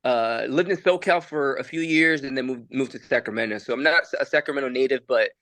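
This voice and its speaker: A young man from El Salvador, who works as a musician and studio producer, talks a little fast in a sharp-toned, mid-range voice with no room sound. He chats casually for a podcast in a recording studio, laid-back and meandering, full of restarts and fillers.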